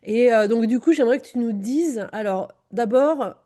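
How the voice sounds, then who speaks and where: A woman's voice: fairly high pitch, moderate pace, warm tone. A woman hosting a conversational interview podcast as a career coach.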